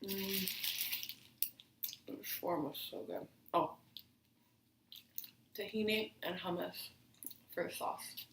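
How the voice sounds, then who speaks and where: A woman's voice: mid-range voice, slow pace, vocal fry, pauses often. Chatty woman eating on camera. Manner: chatty, rambling with fillers between bites. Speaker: vlogger. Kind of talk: casual mukbang chat. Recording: roomy, distant camera audio with faint hiss.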